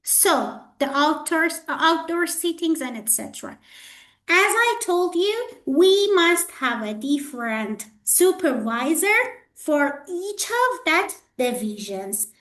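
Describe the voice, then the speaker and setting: A woman's voice: high voice, big pitch swings, slow pace, a bit bright, reverberant. A woman trainer lecturing students in a classroom, repeating herself and checking in with "okay?" and "guys". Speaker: hospitality trainer.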